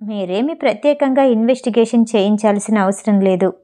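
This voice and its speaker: A woman reading the lines of a calm, confident husband pressing a hospital chief for answers. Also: medium pitch, a little fast, close to an everyday voice. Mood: coolly demanding.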